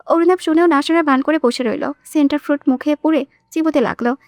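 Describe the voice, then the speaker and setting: A woman reads a novel aloud as an audiobook narrator, telling it expressively. Her voice is high, and the recording is dry and close to the mic. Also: fast talker, no echo. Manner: expressive storytelling.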